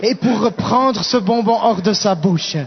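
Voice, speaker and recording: A man interprets a sermon phrase by phrase and matches the preacher's rising intensity. His voice sits very high. The sound is dull and lo-fi, with long reverb from a large hall. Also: unhurried, slightly rough. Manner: follows the preacher's rising intensity, small restarts.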